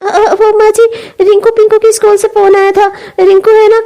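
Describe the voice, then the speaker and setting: Brief: soft-spoken respectful cartoon daughter-in-law, played by a woman, very high voice. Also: little pitch movement, moderate pace. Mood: explaining. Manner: polite, soothing, deferential. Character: dutiful elder daughter-in-law, young woman, patient. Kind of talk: comedy cartoon voice acting.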